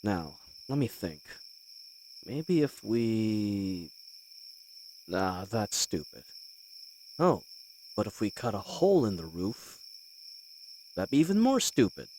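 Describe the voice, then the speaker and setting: Man playing a lively, roguish bandit leader. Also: lowish voice, takes it slowly, pauses often, slight background noise, poor audio. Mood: pondering, wary. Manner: folksy, teasing, conversational with hesitations. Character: roguish, good-humoured male bandit leader, wry and blustering. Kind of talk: scripted fantasy audio roleplay.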